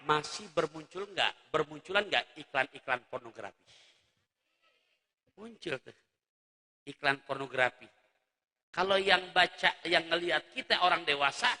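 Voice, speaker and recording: Speaking in a high-pitched voice with a long reverb tail, a male preacher jokes his way through a religious lecture. He addresses the mothers in the crowd directly, alternating between quiet asides and shouting.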